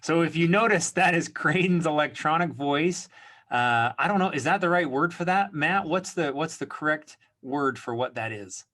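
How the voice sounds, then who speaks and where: A man hosting a podcast, giving an upbeat, brisk introduction and team announcements with frequent fillers. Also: on the high side, bright, forceful tone. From Utah. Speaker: podcast host.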